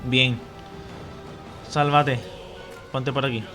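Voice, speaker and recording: A man's voice: mid-range voice, fairly even intonation, drawn-out words. Swearing man streaming gameplay over music. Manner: swears and mutters at the game. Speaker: gaming streamer. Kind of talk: live gameplay commentary. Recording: game music behind the voice.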